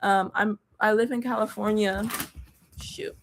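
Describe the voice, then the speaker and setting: A woman's voice: medium pitch, steady tone, measured pace, a little hiss or hum. Casual young woman with a hint of Southern accent, chatting to viewers through a phone or laptop mic. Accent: slight Southern. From Texas. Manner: chatty, slangy, addresses viewers directly. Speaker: tarot reader livestreaming. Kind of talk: casual livestream chat.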